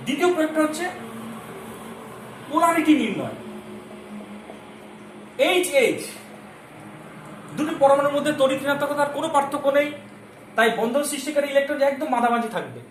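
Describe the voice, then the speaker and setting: A male chemistry teacher giving a lesson, constantly quizzing his students and repeating key terms slowly so they stick. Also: very high-pitched, slight background noise. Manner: keeps asking the class questions and checking they follow. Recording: echoey room with faint ambience.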